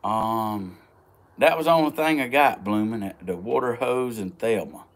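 A man with a Southern US accent and a slow, folksy drawl, chatting casually to viewers as he vlogs outdoors. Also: lowish voice. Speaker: vlogger. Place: outdoors, rural yard and woods.

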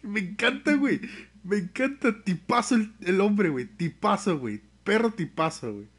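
A man's voice: high voice, moderate pace. Slangy Mexican-accented young male streamer. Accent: Mexican Spanish. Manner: slangy, swears freely, animated storyteller. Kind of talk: casual live-stream chat.

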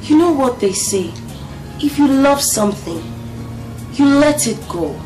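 A motherly female friend with a Nigerian accent, soothing and firm, her pitch rising and falling as she speaks slowly. She is heard from a distance in an echoey room over loud music. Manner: soothing, coaxing, lively.

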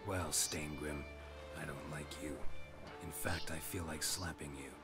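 A terse, very deep-voiced monster hunter. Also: male voice, unhurried. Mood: curt. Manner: curt, deadpan, few words. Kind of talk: video game dialogue. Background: game music.

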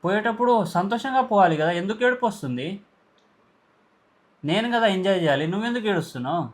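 Man, a touch high-pitched, playing a harsh husband in a home prank who later soothes. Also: animated, fast. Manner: scolding harshly, then coaxing and soothing. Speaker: husband pulling a prank on his wife. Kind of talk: staged couple prank, casual talk.

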